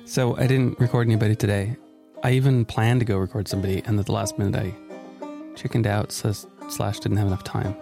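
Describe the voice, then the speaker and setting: A middle-aged man hosting a casual podcast chat, playful and quick to laugh, close to the mic. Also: fairly low pitch, level tone, vocal fry, over music. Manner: playful, laughs often, teasing. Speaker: podcast host. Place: at home, late at night.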